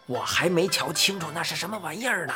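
A woman voicing an odd old man in a storybook, who talks slowly and musingly, as if lecturing. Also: deep voice, animated, music in the background, voice pushed down.

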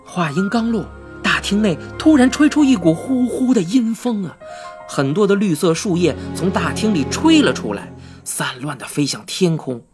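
A woman narrating a storybook in a lively, dramatic style. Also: fairly low pitch, moderate pace, music in the background. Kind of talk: expressive audiobook narration.

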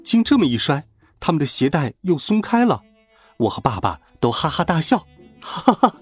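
A man narrating a children's story in a playful, animated way. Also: a little high, normal speed, breathy edge, no echo. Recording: faint background music.

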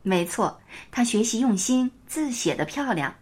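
A woman voicing a kind, gently smiling woman teacher who asks patient questions. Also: fairly high pitch, lively intonation, unhurried, slightly rough. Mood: gentle.

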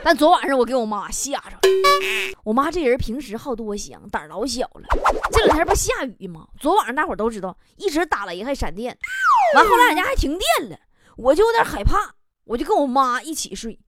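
A young woman with a Northeastern Chinese accent performs stand-up on stage in a chatty, exclaiming storyteller's way. Her voice is high and swoops widely in pitch. Loud audience laughter rolls around her lines. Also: big pitch swings, fairly quick, very noisy. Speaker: stand-up comedian. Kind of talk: stand-up comedy monologue. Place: stage before a live audience.

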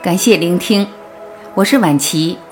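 A woman reading scripted audiobook narration in a measured, instructive way. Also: fairly low pitch. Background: background music.

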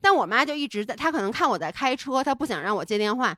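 A woman's voice: high voice, very animated, fast, sharp tone, dry recording, studio quality. A woman co-hosting a podcast, telling a personal story in a candid, rambling, heartfelt way. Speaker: podcast co-host.

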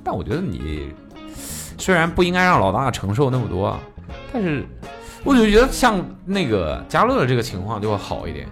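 A woman in casual chat, reassuring and teasing with quick questions. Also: very deep voice, huge pitch swings, faint music behind.

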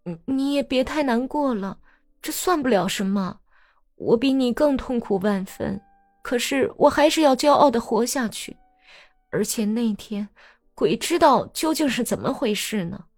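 A woman's voice: sits high, animated, faint music behind, voice pushed up. A woman voicing a bold, mocking young peasant woman who talks in a brash, teasing way in an audiobook. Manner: brash, teasing, quick-tongued.

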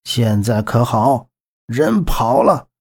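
A man voicing a calm, scheming middle-aged male boss who talks in a measured, persuasive way in an audiobook. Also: mid-range voice, heavily acted.

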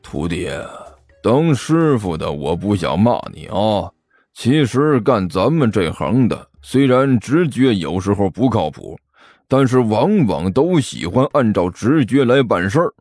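A deep, grumbling master thief who lectures his apprentice in slow, heavy phrases, voiced by a man reading a storybook. The sound is dry and close. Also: big pitch swings, a little mellow, dry recording, faint music behind, full character voice. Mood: lecturing. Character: gruff boastful middle-aged tomb-robber master.

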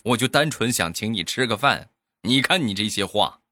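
A man telling a comic joke monologue in a lively way, with drawn-out particles on his punchlines. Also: on the low side, very noisy. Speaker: comic storyteller.

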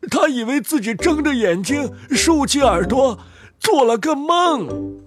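A storyteller reading a fairy tale aloud, slow and expressive with drawn-out phrases. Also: high voice, over music.

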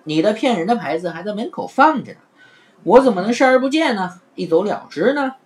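A woman voicing a clever, witty trickster man who teases and calls out loudly. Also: expressive, brisk. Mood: playful. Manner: playful, loud and high.

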